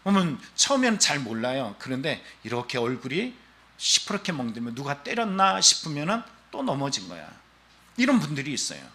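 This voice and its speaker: Animated, bright-voiced male pastor preaching. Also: mid-range voice, brisk. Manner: animated storytelling preaching, acting out quoted voices. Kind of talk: sermon.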